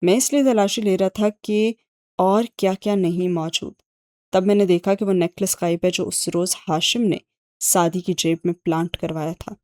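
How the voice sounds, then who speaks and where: A sardonic young man, read by a woman narrator explains himself in a dry, sarcastic way. His low voice sounds warm and mellow in a dry, close recording. It comes from a spoken audiobook. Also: fairly even intonation, no room sound, natural voice. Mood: wry. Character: sharp, sardonic young man, ex-agent uncle.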